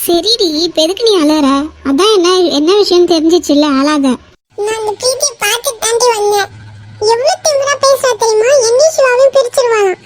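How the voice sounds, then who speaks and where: A woman's voice: very high-pitched, brisk. A woman voicing a caring young woman in a cartoon who comforts and reassures her crying friend. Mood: comforting. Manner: soothing, reassuring. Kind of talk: cartoon voice acting.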